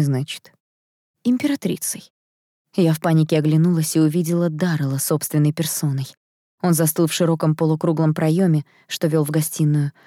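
Low-voiced woman narrating a story. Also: warm tone, dry recording, clean studio sound. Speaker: audiobook narrator. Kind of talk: scripted first-person narration.

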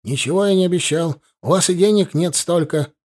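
A man's voice: sits high, fairly quick, darkish tone, voice pushed up. A man playing a defensive, muttering village homeowner in his sixties, grumbling about his neighbours. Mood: snapping.

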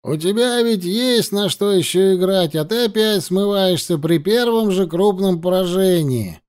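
Rowdy drunk officers calling out from a tent, coaxing and boisterous, a little louder than usual, with voices pitched high, as a man puts them on for an audiobook. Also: clean tone. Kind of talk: audiobook reading.

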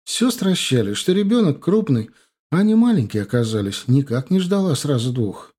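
A man reading aloud voices a tired young woman who has just given birth, speaking softly. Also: fairly high pitch, very animated, fairly quick, voice pushed up. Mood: relieved.

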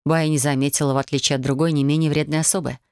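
A woman narrating a first-person fantasy audiobook in a lively, wry way, voicing the dialogue. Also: sits low, rapid-fire, smooth, no echo, clean studio sound. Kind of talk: audiobook fiction reading.

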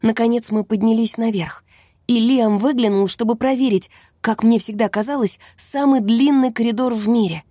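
A woman narrating a fantasy audiobook in the first person, in a tense, hushed storytelling manner. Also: a little high, normal speed, no room sound, clean studio sound. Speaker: audiobook reader.

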